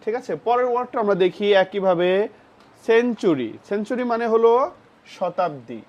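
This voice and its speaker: Teacher for a children's phonics lesson, patient and repetitive, mid-pitched voice, muffled recording. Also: animated, moderate pace, darkish tone. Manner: spells words letter by letter and asks questions of the pupils; patient, repeats each word and its meaning. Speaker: English vocabulary teacher for children. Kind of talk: classroom-style phonics lesson.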